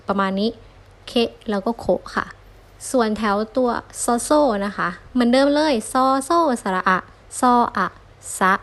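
A woman's voice: on the high side, a bit bright. A young woman giving a friendly online lesson, patiently sounding out syllables one at a time for learners. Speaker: Japanese language teacher.

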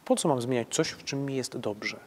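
Halting conversational priest. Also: male voice, mid-range voice, a little mellow. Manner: conversational, halting restarts, frequent tag "nie?". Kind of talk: answering questions on faith.

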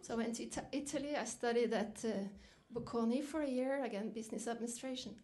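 A middle-aged Norwegian woman delivers a reflective, story-driven keynote at a dinner, her voice rising whenever she quotes herself. She speaks quickly, with a fairly high pitch and a somewhat dark tone.

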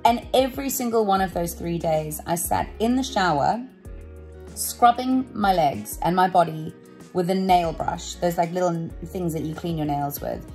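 A woman's voice: lowish voice, normal speed, darkish tone, faint music behind. A young woman, chatting casually to camera in a renovation vlog from rooms in her home, self-deprecating and lightly swearing. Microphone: handheld camera or phone at arm's length.

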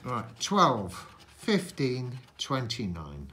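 A man's voice: mid-range voice, wildly swooping pitch, very slow, bright, forceful tone, a little hiss or hum. Man calling numbers like a bingo caller. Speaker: host of a scratch card channel. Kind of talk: casual chat while scratching cards. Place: indoors at a tabletop.

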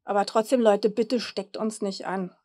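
Storybook dragon, large, bored, slow and patient; a woman reads it. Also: mid-range voice, fairly even intonation, mellow, voice pushed down, lightly acted. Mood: weary. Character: big bored male dragon.

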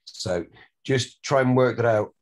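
A man's voice: mid-range voice, measured pace. A man with a Northern English accent, a director giving rambling, encouraging notes to actors at a script read. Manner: rambling, repeats words, swears casually.

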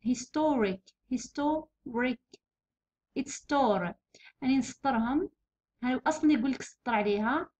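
A young woman with an Algerian accent teaching an exam revision lesson, explaining patiently and repeating words slowly and clearly. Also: high voice, darkish tone. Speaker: English teacher. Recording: dull lo-fi recording.

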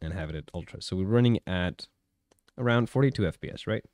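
A man's voice: low-pitched, fast, a little mellow, no echo, studio quality. A man giving casual hands-on tech commentary, talking conversationally and often checking in with the viewer. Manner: conversational, talks through tests with frequent check-in questions. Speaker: tech reviewer.

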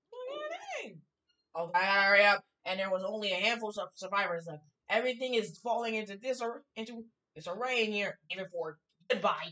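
A woman narrating her own horror game playthrough, with a bright, sharp tone. She reads documents aloud haltingly, then jumps to loud startled cries. Her voice sits a little away from the mic. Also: medium pitch, distant mic, rough recording. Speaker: gaming streamer. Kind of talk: let's play commentary.

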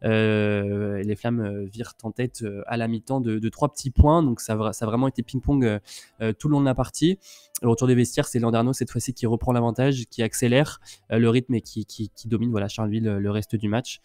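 A man's voice: medium pitch, fairly even intonation, a little fast, mellow, clean tone, no room sound, clean studio sound. A man co-hosting a casual streamed sports talk show, recapping games with lots of fillers and restarts as he reels off stats. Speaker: co-host of a women's basketball talk show.

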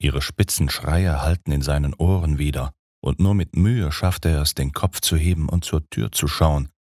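A man narrating a gothic audiobook in a dramatic, measured storytelling manner. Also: extremely low pitch, darkish tone, no echo, studio quality.

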